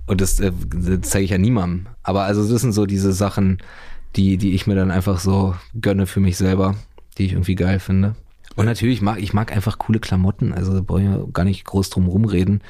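Guy in his 30s, casual slangy chat, kinda flat monotone, dry close sound. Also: sits low, a little fast, dry recording. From Berlin, Germany. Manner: relaxed slangy rambling, many fillers.

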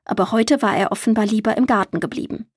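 A woman narrating a children's audiobook with lively storytelling. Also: mid-range voice, fast talker, slightly rough, dry recording, clean studio sound.

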